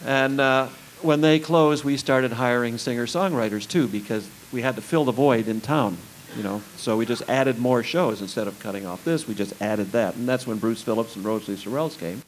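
A man's voice: medium pitch, moderate pace, hardly any pauses, a little hiss or hum, low-quality recording. An older man being interviewed, telling stories in a rambling, conversational way and slipping into quoted dialogue. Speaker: interview guest, retired music club booker. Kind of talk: anecdotal storytelling in an interview.

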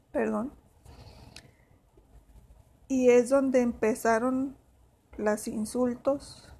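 Young woman telling her story, kinda high voice, acts out what people said. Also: steady tone, extremely slow, vocal fry, pauses often, warm tone, slightly rough. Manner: emotional retelling, acts out quoted dialogue. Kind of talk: personal storytelling.

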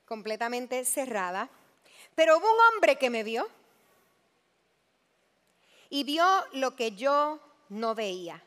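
A woman pastor giving an earnest personal testimony, acting out the things people said to her. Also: sits high. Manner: earnest, confessional, acts out quoted dialogue. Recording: music playing behind her. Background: music.

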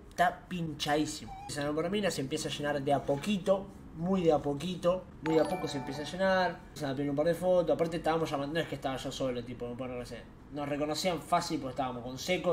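A young man with an Argentine accent telling a night-out anecdote in casual, slangy, animated chat. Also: on the high side. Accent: Argentine Rioplatense Spanish. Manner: animated, slangy, laughs as he tells it. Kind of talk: casual storytelling.

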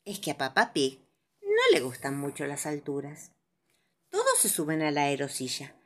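A woman narrating children's stories aloud in an expressive, animated reading. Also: low voice, normal speed, slight background noise. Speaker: storyteller.

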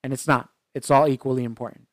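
A man co-hosting a casual faith podcast, talking earnestly in halting phrases with frequent restarts. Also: medium pitch, steady tone, dry recording, clean studio sound. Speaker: podcast co-host.

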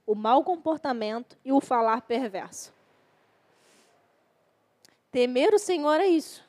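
Female youth preacher, high voice, casual delivery, repeats lines for emphasis. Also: a little mellow. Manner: repeats key phrases, acts out quoted inner voices. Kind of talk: informal youth sermon.

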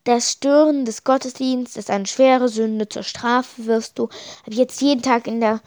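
A woman's voice: fairly high pitch, steady tone, unhurried, darkish tone, no room sound, studio quality. A woman reading aloud and voicing a stern, scolding male village priest who thunders at the congregation.

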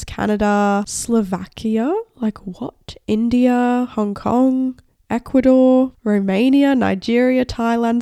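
Nasal with a cold, this twentysomething podcast host talks on her own in a relaxed, cheerful, chatty style, packed with "likes." Her voice sits at medium pitch with a creaky, dark, clean tone, captured at studio quality with no room sound.

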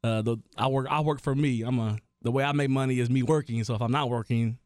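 A man's voice: mid-range voice, steady tone, fast talker, darkish tone, no echo, clean studio sound. A man in his thirties, a working DJ, chatting casually with friends and laughing often. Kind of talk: casual chat.

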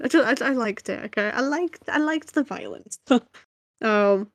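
A woman co-hosting a podcast in casual chat, animated and laughing often. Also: a little high, normal speed, dry recording. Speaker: podcast co-host.

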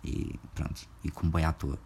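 A young man with a European Portuguese accent and a very low, deep voice rambles through a casual solo podcast. He talks in loose slang, swears freely and breaks into laughter often. A faint noise sits under the recording. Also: little pitch movement, normal speed, vocal fry, darkish tone. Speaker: podcast host.

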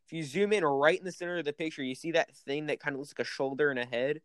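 A man's voice: fairly high pitch, quick pace, fairly bright tone, dry recording. A man co-hosting a casual podcast, telling spooky stories in a playful, rambling way.

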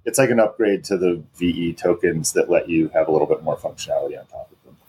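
Deep husky man thinking aloud. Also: fast talker, dark tone, poor audio. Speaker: crypto podcast co-host. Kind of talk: casual chat.

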